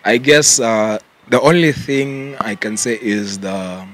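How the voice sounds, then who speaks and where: A young man with a Kenyan accent, answering interview questions in a relaxed way and mixing English with Swahili slang. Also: fairly low pitch, slow pace. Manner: relaxed, mixes English and Swahili slang, says "yeah" often. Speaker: content creator guest.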